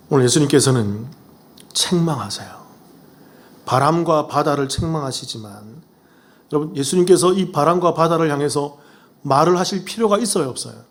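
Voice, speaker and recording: A male pastor with a high-set voice delivers a sermon in a church. He keeps putting questions to his listeners. He moves between rising, emphatic exhortation and sudden hushed asides. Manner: asks the congregation rhetorical questions. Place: church sanctuary.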